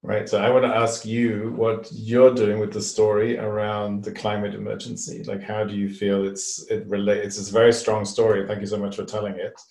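A man's voice: on the low side, flat delivery, moderate pace, few pauses, a little mellow. A man interviewing a guest, appreciative, asking long open questions. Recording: echoey room, voice from a distance.

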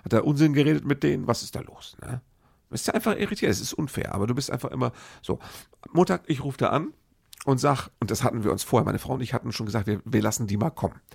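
A middle-aged man spins a personal anecdote in loose, chatty fashion, circling back and restarting his sentences. His voice is deeply gravelly with a rough, husky edge, at an ordinary middle pitch. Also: lively intonation, quick pace, darkish tone, no echo, clean studio sound. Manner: rambling, restarts often, asides to listener. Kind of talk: casual anecdotal storytelling.

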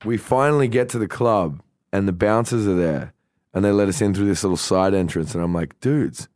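A man's voice: low voice, fairly quick, dry recording, studio quality. A man with an Australian accent, co-hosting a podcast and telling a story in casual chat, swearing freely and acting out what people said. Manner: animated, swears freely, acts out quoted dialogue. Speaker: podcast co-host.

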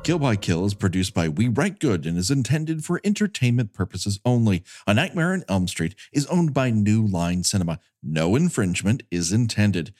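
A man reading scripted podcast credits and a legal disclaimer in a brisk announcer's manner. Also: fairly low pitch, big pitch swings, a little mellow, soft background music. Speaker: podcast host.

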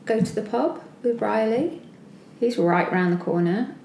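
A woman's voice: a little high, unhurried, gravelly, dark tone, slight background noise. A woman, co-hosting a podcast in casual chat, telling rambling anecdotes with frequent laughs. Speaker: podcast co-host. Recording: roomy echo.

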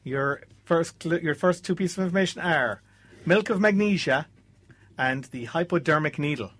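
A man's voice: a little high, moderate pace, a bit bright. A man with an Irish accent presenting a quiz in a casual way as its host.

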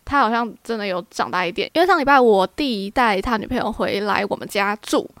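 A woman's voice: medium pitch, animated, fairly quick, a bit bright, no echo. A woman in her twenties with a Taiwanese Mandarin accent, co-hosting a casual chat podcast and telling family stories with frequent laughs. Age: 20s. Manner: chatty storytelling, laughs often. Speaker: podcast co-host.

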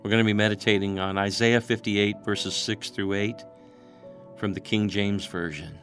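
A man guiding a meditative prayer in a soft, reverent way. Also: fairly low pitch, fairly even intonation, soft background music. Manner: slow, soft, reverent delivery. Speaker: prayer guide.

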